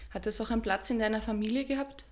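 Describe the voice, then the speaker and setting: A woman's voice: on the high side, rapid-fire, darkish tone. Woman hosting a podcast interview. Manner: friendly, clearly phrased questions. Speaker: podcast host, editor.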